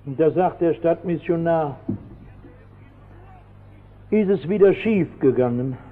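A man preaching a sermon in a church, fervent and dramatic, telling a story with sudden shouted lines. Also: fairly high pitch, animated, takes it slowly. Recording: tinny old radio broadcast with long hall reverb.

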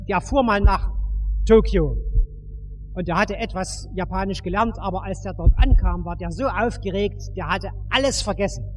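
A man leads a church service, speaking directly to the congregation in a relaxed, storytelling manner. His voice is notably high for a man, and faint background sound sits underneath. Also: slight background noise. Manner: storytelling, informal, addressing the crowd directly. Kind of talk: announcing to a congregation.

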